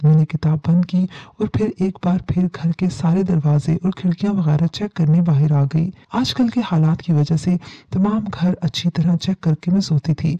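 Brief: woman storyteller, calm earnest horror narration, very dark mellow tone, dull lo-fi recording. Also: on the low side, few pauses, no echo.

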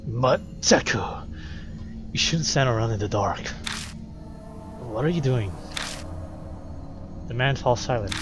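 A man playing through a game, reading its text aloud and reacting excitedly, swearing often. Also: mid-range voice, a little slow, pauses often, music in the background, poor audio. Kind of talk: playthrough narration with reactions.

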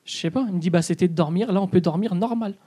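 A man's voice: high-pitched, quick pace, background noise. A young man doing stand-up in a comedy club, telling a story and acting out both sides of the dialogue.

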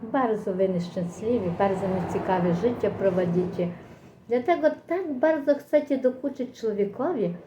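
A woman's voice: mid-range voice, animated, moderate pace, dark tone, a little hiss or hum, poor audio. A middle-aged or older woman with a Ukrainian accent and slurred, toothless articulation, chatting casually and folksily to viewers in a rambling eating vlog. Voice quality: slurred articulation from missing teeth.

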